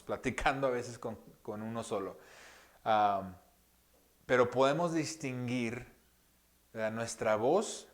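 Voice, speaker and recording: Speaking in a mid-range voice, a man teaches from the pulpit as pastor, frequently sinking into a soft hush. His sermon is conversational and gentle, dotted with rhetorical questions, fillers and many pauses.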